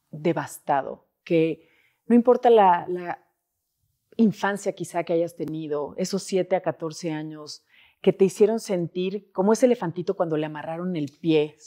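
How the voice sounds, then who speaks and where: A woman's voice: lowish voice, dark tone. A woman with a Mexican Spanish accent hosting an interview, speaking reflectively and searching for words. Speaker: interview host. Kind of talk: conversational interview.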